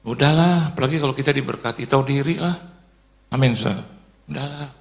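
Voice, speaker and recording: A middle-aged man from Indonesia preaching a sermon, telling lively stories, acting out the people he quotes and mixing English phrases into his talk. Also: mid-range voice, rapid-fire, creaky. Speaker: pastor.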